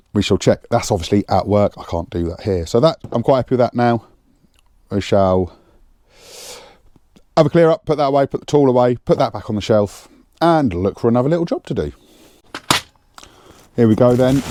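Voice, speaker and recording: A man's voice: on the low side, warm tone, no echo. A man chatting casually while working on an engine in his garage, thinking aloud with lots of fillers, on a clip-on mic. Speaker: home mechanic vlogger. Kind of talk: casual workshop chat. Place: home garage. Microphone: clip-on lapel mic.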